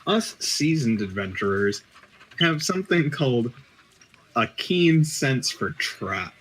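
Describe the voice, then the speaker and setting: A man's voice: medium pitch, sing-song, takes it slowly, a bit bright, slightly rough, low-quality recording. A man taking part in a tabletop role-playing game, joking and confident as he describes his character. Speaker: player. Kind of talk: casual tabletop play.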